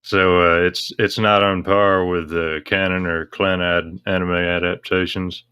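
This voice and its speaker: As an interview guest, a man answers casually and matter-of-factly in a low voice with very little rise and fall. His delivery is flat and a little slow, with a clear, bright edge and no echo.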